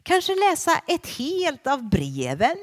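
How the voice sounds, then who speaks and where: A woman's voice: high voice, wildly swooping pitch. A woman preaching a sermon to a congregation in a church, speaking expressively with frequent hesitations.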